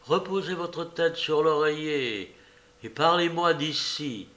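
A man reading aloud and voicing a gentle young woman who quietly nurses her sick sweetheart. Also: a little high, takes it slowly. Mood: tender, firm. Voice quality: soft, hushed. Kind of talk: audiobook character voice.

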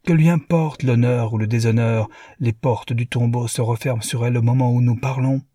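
A man voicing a wealthy man filled with bitterness and fury, rising to passionate outbursts, with a husky, dark, dry sound. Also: mid-range voice, fairly even intonation, normal speed, no room sound, pitched above the performer's own voice, natural voice. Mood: furious. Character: wealthy man, bitter and furious after betrayal.

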